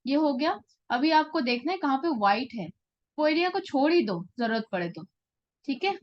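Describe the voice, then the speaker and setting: High-voiced woman teaching a live drawing class. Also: very animated, normal speed, highs cut off. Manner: patient, checks understanding often. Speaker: art teacher.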